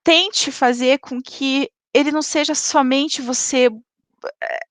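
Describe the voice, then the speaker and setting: High-voiced woman giving a webinar lecture. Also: fairly even intonation, takes it slowly, no room sound. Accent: Brazilian Portuguese. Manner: didactic, frequent "tá?" tag questions.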